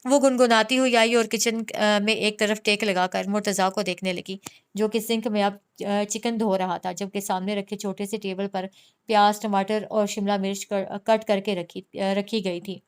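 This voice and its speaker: A woman narrates a romantic novel for an audiobook. Her voice is smooth and clear at a middle pitch, and she keeps a steady storytelling flow. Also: moderate pace. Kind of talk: novel reading.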